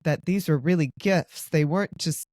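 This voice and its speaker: A woman hosts a podcast, welcoming her guest and asking soft follow-up questions. Her voice is quite low for a woman and sits close and dry on the mic. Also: moderate pace, no echo. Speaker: podcast host. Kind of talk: podcast interview.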